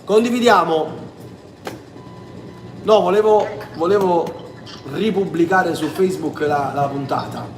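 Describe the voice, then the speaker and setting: High-voiced southern Italian man, echoey room. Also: measured pace, long pauses, slight background noise. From Sicily. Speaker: singer hosting a livestream. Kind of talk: casual livestream chat. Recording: echoey room, music behind.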